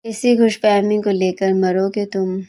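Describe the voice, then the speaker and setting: A fiery young female student, put on by a woman narrator nags and scolds with impatience in a storybook reading. The voice is soft and mellow despite the temper. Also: mid-range voice, little pitch movement, unhurried, natural voice. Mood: scolding.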